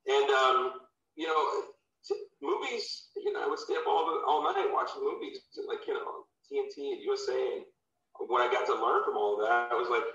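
A former football player turned filmmaker from Louisiana, talking loosely in an interview with lots of fillers and restarts. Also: male voice, medium pitch, big pitch swings, normal speed, vocal fry, pushed and bright. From Louisiana, USA. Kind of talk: casual interview. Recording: distant, roomy, dull remote audio.

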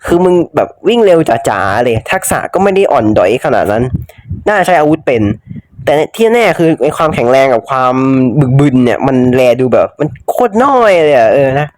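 A man's voice: mid-range voice, big pitch swings, fairly quick, darkish tone, a little hiss or hum. A young man casually commenting on a mobile game he plays, chatty, swearing freely and joking about his own mistakes. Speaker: gaming YouTuber. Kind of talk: casual let's-play commentary.

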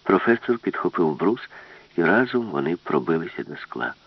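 A man narrating a story in a steady, low voice with a husky grain. The recording is dull and lo-fi, close and dry with no room around it. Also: normal speed, dry recording. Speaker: audiobook narrator. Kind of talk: scripted narration.

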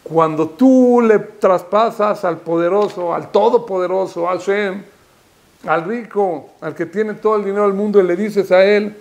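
A rabbi preaching in a high, emphatic voice. He climbs to impassioned, repeated calls. He drops Hebrew terms throughout his Torah sermon. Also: unhurried, gravelly, a little mellow. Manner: peppers speech with Hebrew terms.

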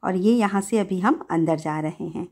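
A middle-aged woman gives a relaxed, chatty voice-over for her family's outing, linking each step with easy storytelling. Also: lowish voice, normal speed. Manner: chatty, easygoing storytelling with many "to" linkers. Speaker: family vlogger.

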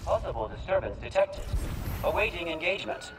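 A robotic hologram guard. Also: male voice, on the high side, a little fast, background noise. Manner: flat clipped status announcements. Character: male hologram guard, flat machine-like sentry. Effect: robotic turret-style voice filter. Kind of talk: video game enemy barks. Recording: distant, loud game sound behind.

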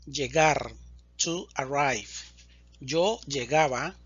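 A man teaching Spanish, slowly and deliberately reciting verb conjugations in a drill. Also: medium pitch, fairly bright tone, slightly rough, no room sound, highs cut off. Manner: deliberate, enunciates each word.

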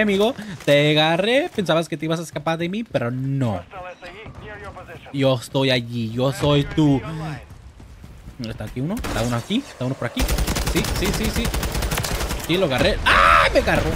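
Excitable Mexican man over gunfire. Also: a little high, background noise. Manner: excitable, jokey, swears. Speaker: gamer. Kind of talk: gameplay commentary. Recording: gunfire from game audio. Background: loud game gunfire.

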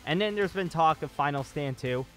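With clear music behind him, a man in his twenties records a casual, meandering update for his gaming channel. His voice leans high and animated, at a moderate pace. He speaks into a boom-arm desk mic in a small foam-treated home studio.

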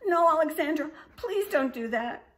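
A woman voicing a pleading young male baby dragon, high, loud and whiny. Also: unhurried, background noise, natural voice.

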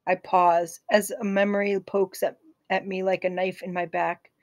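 A woman narrating a novel in the first person, calm, gentle and reflective. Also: medium pitch, moderate pace, dry recording, clean studio sound. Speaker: audiobook narrator.

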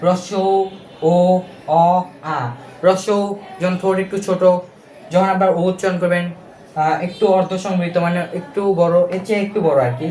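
The recording is reverberant with a little hiss or hum as a young Bangladeshi-accented man with a high-sitting voice leads an exam-prep lesson. He moves step by step, asking rhetorical questions, and keeps it colloquial with fillers and self-corrections.

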